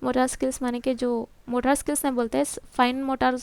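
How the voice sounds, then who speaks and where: A woman's voice: high voice, little pitch movement, vocal fry, a little mellow, clean tone, no echo. A woman teacher walks through a textbook lesson, asking and answering her own questions and mixing in English terms. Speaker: exam-prep teacher.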